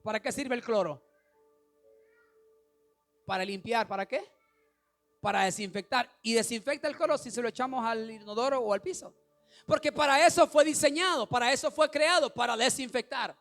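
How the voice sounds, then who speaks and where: High-voiced preaching man, animated. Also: moderate pace, long pauses, faint music behind. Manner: animated preaching, rising to shouts, asks the congregation questions. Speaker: pastor. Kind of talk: sermon.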